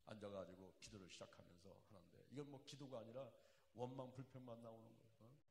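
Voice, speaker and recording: A man preaching a testimony in a church hall, his lowish voice ringing off the walls with a long, roomy echo. He tells the story plainly and then swells into loud, emotional outbursts. A faint hum of the room sits behind him. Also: fairly even intonation, fast talker, vocal fry. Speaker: pastor. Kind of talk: sermon testimony. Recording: echoey hall.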